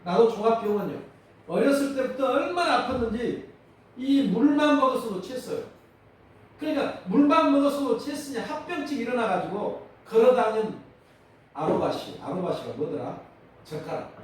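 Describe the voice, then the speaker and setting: A male pastor with a Jeolla accent preaching a sermon, animated and calling out questions to his congregation. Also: very high voice, normal speed. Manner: animated, calls for congregation responses. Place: church sanctuary. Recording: distant mic in echoey church hall.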